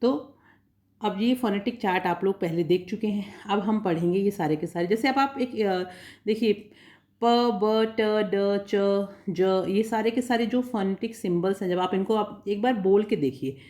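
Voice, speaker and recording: A woman teacher patiently explaining a phonetics lesson, repeating points and sounding out single sounds slowly. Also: medium pitch, mellow. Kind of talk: exam-prep phonetics lesson.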